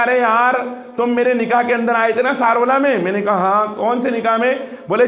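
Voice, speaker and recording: High-voiced male preacher in echoey room. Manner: animated storytelling, acting out dialogue, calling for reflection. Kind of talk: storytelling sermon. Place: religious gathering with audience.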